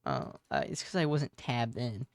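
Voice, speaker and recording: A man's voice: medium pitch, sing-song, moderate pace, creaky. A man of twenty talking through his game code in a casual, rambling way, full of fillers and self-corrections. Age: 20s. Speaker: game dev tutorial host. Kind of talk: casual coding tutorial with storytelling.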